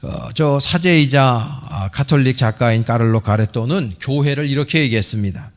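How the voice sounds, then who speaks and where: Middle-aged pastor preaching a sermon. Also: male voice, mid-range voice, normal speed. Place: church sanctuary.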